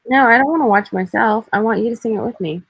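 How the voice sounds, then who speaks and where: A woman's voice: fairly high pitch, fast talker, slightly rough, muffled recording. A woman co-hosting in casual chat over a video call, playful and teasing. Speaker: co-host. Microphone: video call mic.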